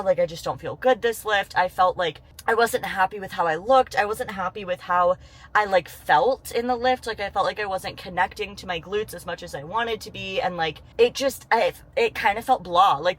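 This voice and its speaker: A woman's voice: mid-range voice, rough recording. A young woman in her twenties, a fitness coach, talking casually to camera in a vlog, candid and full of fillers like "like". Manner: chatty, candid, lots of fillers. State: out of breath after cardio. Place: gym, then outdoors by a road.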